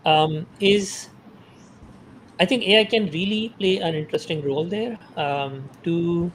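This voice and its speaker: A man from Pakistan, a podcast guest, talking casually in a halting way full of fillers and restarts. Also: high voice, slight background noise, poor audio.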